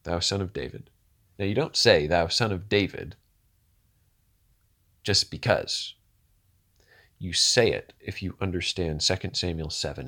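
A man preaching a sermon, swinging from hushed, slow lines to loud, rousing ones and asking the listeners rhetorical questions. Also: sits low.

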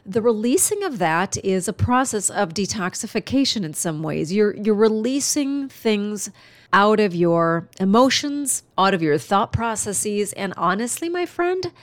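A woman hosts her own solo podcast, speaking earnestly, chattily and with warm-hearted encouragement while clearly congested with a stuffy nose. Her mid-range voice is expressive and a little slow, with no echo in the recording.

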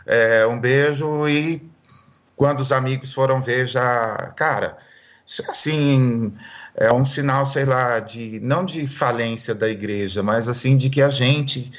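A man's voice: mid-range voice, measured pace, dull audio. A man co-hosting a casual talk show, speaking reflectively and hesitantly with many fillers. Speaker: podcast co-host. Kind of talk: casual conversation.

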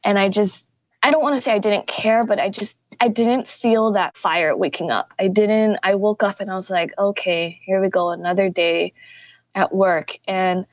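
A young woman teacher, a podcast guest, telling stories in a casual interview and acting out quotes with sudden jumps in pitch. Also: moderate pace, no room sound. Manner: animated storytelling, acts out quotes with pitch jumps.

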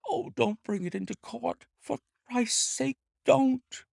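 A man's voice: extremely high pitch, slow, creaky, darkish tone, dry recording, studio quality, voice pushed up, heavily acted. A man reading aloud and voicing a frightened, cornered male thief who pleads and confesses in a panicky way. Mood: begging. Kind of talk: audiobook character voice.

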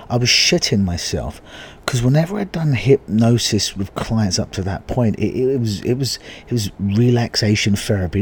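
Low husky man, voice giving out. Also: a little mellow. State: husky voice giving out, losing his voice. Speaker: podcast host. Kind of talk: podcast introduction, casual monologue.

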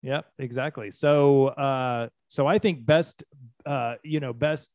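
A man with a medium-pitched voice talks informally in a very dry recording. He is agreeable and conversational as he explains things. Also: steady tone, slow, a little mellow, no echo. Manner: agreeable, informal, interjects short affirmations. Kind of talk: casual explanatory chat.

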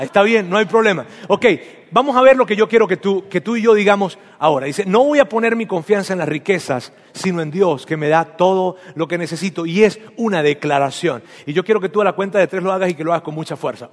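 A man's voice: sits high, animated, fairly quick, in a large hall. A man preaching a sermon as pastor, emphatic and repetitive, leading his congregation in spoken declarations. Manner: emphatic, repeats phrases, leads congregation in declarations. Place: church hall.

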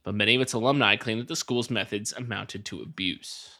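A man's voice: on the low side, brisk, sharp tone. A man with an Irish accent co-hosting a casual podcast, joking and swearing as he reads from an article. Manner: joking, swears casually, says "dude" a lot. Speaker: podcast co-host. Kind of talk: casual chat, reading an article aloud.

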